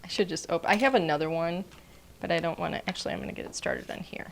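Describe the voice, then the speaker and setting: A woman's voice: on the low side, quick pace, vocal fry, slight background noise. A woman teaching card-making in a casual, chatty demonstration, gushing over her work and often dropping to a murmur as she works.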